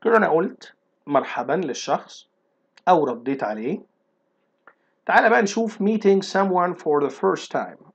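Egyptian man teaching, husky lo-fi voice. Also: sits high, lively intonation. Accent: Egyptian Arabic. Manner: explains in colloquial Arabic, repeats English phrases slowly. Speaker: English teacher. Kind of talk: casual online lesson. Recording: dull lo-fi recording.

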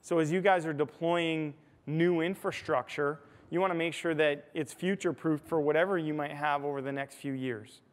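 With a fairly high pitch, fairly even intonation, and a moderate pace, this American man barely pauses as he gives a conversational tech keynote. He explains points and keeps checking in with "right?" from an indoor hotel ballroom stage, recorded on a lapel mic with reverberant hall acoustics and amplified stage sound.

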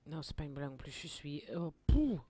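A woman runs her gaming channel with excitable play-by-play, taunting opponents and muttering to herself, jittery from too much coffee. Her voice is low, fairly quick and slightly rough as she commentates live gameplay.

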